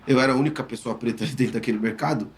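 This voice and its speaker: A man from Brazil tells his own story in an interview, speaking at an ordinary middle pitch. He is earnest and emphatic and often restarts his phrases. A faint hiss sits under his voice. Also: very fast. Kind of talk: recounting a personal experience.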